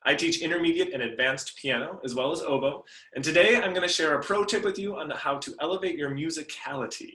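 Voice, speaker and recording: A man's voice: a little high, a little fast, hardly any pauses, sharp tone, echoey room, poor audio. A man teaching piano in a friendly, explanatory way, sometimes humming melodies to show phrasing. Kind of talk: instructional video lesson.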